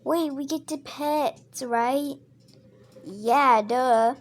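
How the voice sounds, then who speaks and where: High-voiced woman chatting through a game role-play. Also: very slow. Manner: chatty, stops to narrate what her character does. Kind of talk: casual game role-play with narrated actions.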